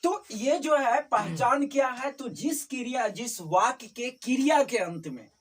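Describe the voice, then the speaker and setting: A woman with a husky, somewhat high voice leads a tuition class, speaking expressively at a measured pace. Each term gets repeated, with frequent checks that everyone follows. Faint background noise comes through the distant microphone.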